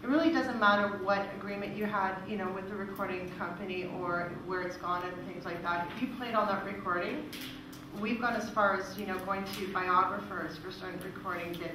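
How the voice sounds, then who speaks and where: A female presenter from a music royalties organisation explains things informally during audience questions at a presentation in an indoor room. She's picked up by a distant mic in a very echoey, reverberant space, and the recording is noisy.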